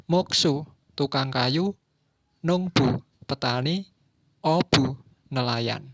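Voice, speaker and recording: A man slowly reading a textbook language lesson, saying each word and then its translation. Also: on the high side, a bit bright, no room sound. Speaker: language teacher.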